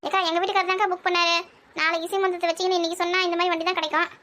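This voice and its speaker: A woman rattles through village family banter at breakneck speed. Her voice sits very high and bright, and she scolds and nags in quick back-and-forth exchanges with the others in the household. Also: little pitch movement, a little hiss or hum. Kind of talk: acted everyday family banter.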